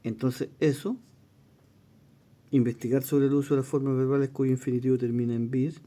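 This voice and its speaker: A man teaching an exam-prep lesson, reading questions aloud and explaining them, often checking in with a quick question. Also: mid-range voice, little pitch movement, dark tone.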